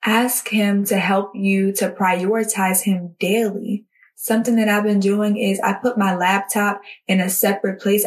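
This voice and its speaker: Earnest woman hosting a devotional podcast. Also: medium pitch. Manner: earnest, personal, addresses listeners directly. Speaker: podcast host. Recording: voice somewhat distant from the mic.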